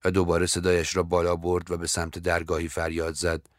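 A man reads a story aloud in a measured, even voice. His voice sits very low, and the recording is dry and close. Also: dry recording. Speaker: narrator. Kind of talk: scripted audiobook narration.

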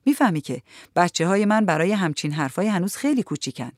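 A woman's voice: fairly low pitch, sing-song, no room sound, clean studio sound. A woman reading an audiobook voices a worried, stern working mother who speaks urgently and in confidence. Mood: urgent, confiding.

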